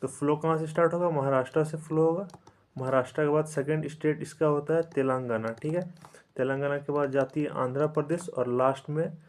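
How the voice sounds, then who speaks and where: A man gives an exam-prep geography lesson, reciting slowly and deliberately and repeating terms for memorization while mixing in English and often dropping "theek hai" as a filler. His voice sits on the high side, a little mellow, with fairly even intonation.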